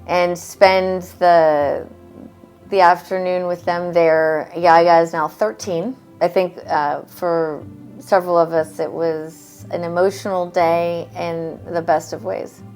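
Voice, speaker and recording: A woman from the United States recalling events in an interview, thoughtful and earnest, pausing with fillers. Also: fairly low pitch, steady tone, darkish tone, faint music behind. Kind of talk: interview recollection.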